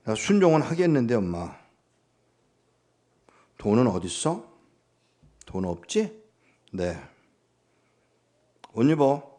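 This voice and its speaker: A man's voice: medium pitch, very animated, slow pace, pauses often, warm tone. A man preaching as a guest pastor, telling stories and acting out dialogue with his mother in his sermon. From Korea.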